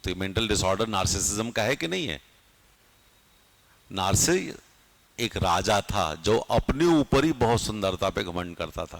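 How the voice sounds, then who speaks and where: Lively male teacher giving an exam-prep lecture. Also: on the low side, vocal fry, dry recording. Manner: lively, asks students rhetorical questions.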